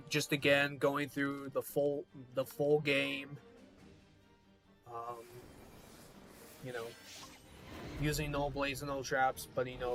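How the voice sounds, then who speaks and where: A man's voice: mid-range voice, fairly bright tone. Casual man rambling through game commentary. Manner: rambling, repetitive explaining. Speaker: gaming video host. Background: music.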